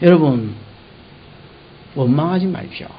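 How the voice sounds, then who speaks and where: A male pastor with a Gyeongsang Korean accent preaching an expository sermon, swinging from soft to shouting and acting out quarrels in dialect. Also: fairly high pitch, expressive, moderate pace, dull audio, slight background noise.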